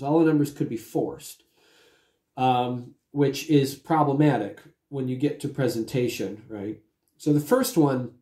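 Guy in his 40s chatting and explaining w a cough drop in his mouth, got a cold, soft mellow voice, roomy echo. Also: a little high. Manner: talking with a throat lozenge in his mouth. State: getting over a cold. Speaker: magician discussing technique. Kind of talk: casual explanatory vlog talk. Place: timber-framed dining room at home, indoors.

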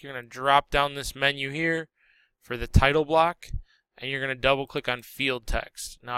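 A man teacher walking students through a software drawing tutorial step by step, relaxed and correcting himself as he goes. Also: mid-range voice, clean tone, no echo. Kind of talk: screen-recorded software tutorial.

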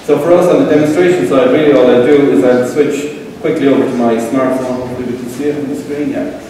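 A middle-aged Irish tech presenter gives a conference talk with a live demo in an event hall before a seated audience, relaxed and conversational with frequent fillers. His mellow, medium-pitched voice moves quickly, picked up by a far-off camera mic with long, roomy hall echo and slight background noise.

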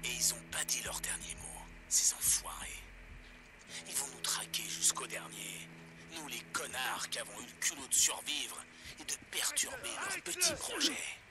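A man's voice: mid-range voice, sing-song, moderate pace, over music. An actor playing a grim, conspiracy-minded pirate radio host who rants urgent warnings to his listeners over a broadcast. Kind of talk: video game voice acting.

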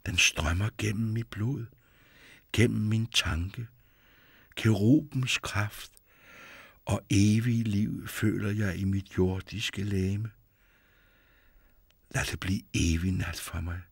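A young storybook prince, earnest and torn, his voice low and hushed, sometimes sinking into a whisper, as a male narrator gives him voice. The voice sits fairly low and the sound is dry and close. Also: steady tone, gravelly, pauses often, husky, no echo.

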